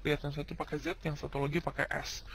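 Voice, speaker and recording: A man's voice: a little high, little pitch movement, fast, creaky, fairly bright tone, husky, rough recording. A man giving a casual, upbeat video lesson in slangy everyday speech. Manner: slangy Jakarta-style casual teaching, upbeat. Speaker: English teacher.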